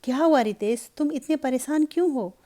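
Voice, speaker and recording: A woman's voice: high-pitched, moderate pace, dark tone, close to an everyday voice. A woman voicing an anxious, insistent young married woman in a Hindi storybook reading. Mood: worried.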